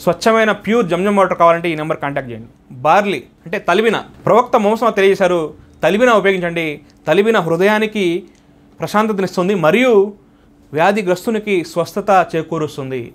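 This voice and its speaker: A man with a notably high voice talks very quickly. He gives an instructional religious talk and works through numbered points one after another in a brisk, orderly way. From India. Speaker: religious teacher.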